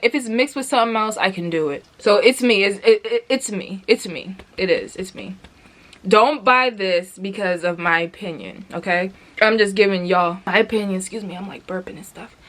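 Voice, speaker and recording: A woman's voice: mid-range voice, fairly bright tone. A woman giving a casual product review vlog, chatty and rambling with lots of fillers, talking straight to her viewers and asking them questions. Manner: addresses viewers directly, asks many questions.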